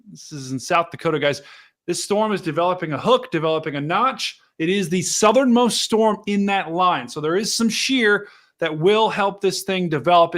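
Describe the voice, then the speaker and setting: Male livestream weather host, notably high voice, urgent and explanatory, talking casually to his chat. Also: a bit bright. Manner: explanatory, urgent hype, casual address to viewers. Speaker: livestream host commentating on storm chase. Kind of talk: live weather commentary to chat.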